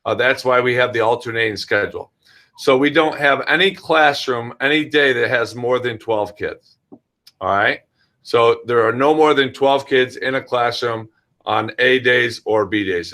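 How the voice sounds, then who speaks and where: An American man with a mid-range, pushed and bright voice runs an informal Q&A orientation as a school administrator, speaking at a moderate pace. He addresses parents and children directly and keeps checking in with a frequent "all right."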